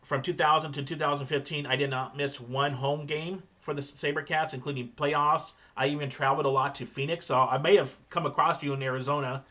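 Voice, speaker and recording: A man's voice: fairly high pitch, steady tone, fairly quick, hardly any pauses, fairly bright tone. A man hosting a podcast, chatting casually and rambling, with many fillers and restarts. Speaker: podcast host. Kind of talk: casual conversation. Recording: dull lo-fi sound.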